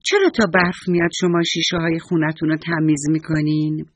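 A man's voice: on the high side, flat delivery, no room sound, muffled recording, close to an everyday voice. A man voicing a curious, polite little bear cub in a children's bedtime story. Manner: polite questioning.

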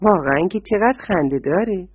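A woman's voice: lowish voice, expressive, slightly rough, no echo. A woman voicing a small mischievous green frog in a storybook tale, speaking in a playful, teasing way, on a dull lo-fi recording.

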